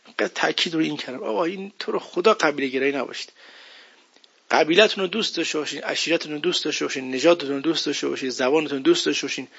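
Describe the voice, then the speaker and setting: Gravelly-voiced man preaching a sermon. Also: fairly high pitch, fairly bright tone. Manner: emphatic, conversational preaching with rhetorical questions. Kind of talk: religious sermon. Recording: dull lo-fi recording.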